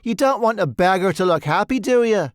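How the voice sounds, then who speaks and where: A man reading a storybook voices a brash, rough male painter with an emphatic, declaiming manner. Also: high-pitched, animated, fairly quick, dry recording, clean studio sound, voice pushed up. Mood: brash, dismissive.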